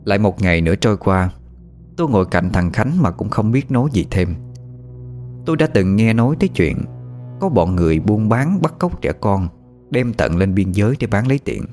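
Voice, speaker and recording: A man narrating a first-person ghost story in an expressive, measured way. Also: fairly low pitch.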